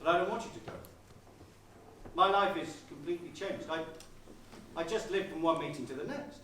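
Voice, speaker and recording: An actor playing a flustered, pompous middle-aged bank manager with an English accent, on stage in an echoey hall and heard from a distant mic. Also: male voice, on the high side, brisk, a bit bright, slight background noise, lightly acted. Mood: pleading. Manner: pleading, flustered, then barking orders. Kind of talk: amateur stage comedy acting.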